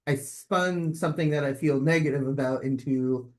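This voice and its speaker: A man's voice: medium pitch, normal speed. Guy agent chiming in on a training call, laid back, lots of like and you know. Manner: relaxed, rambling, filler-heavy. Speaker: real estate agent. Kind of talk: casual chat in a training session.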